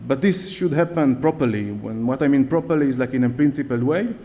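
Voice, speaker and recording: A male conference speaker with an Israeli accent addresses a large hall from a lectern, taking audience questions afterward. His voice is medium in pitch, dark in tone, and a little fast, and his delivery is hesitant with plenty of fillers and restarts. Long hall reverb is audible throughout.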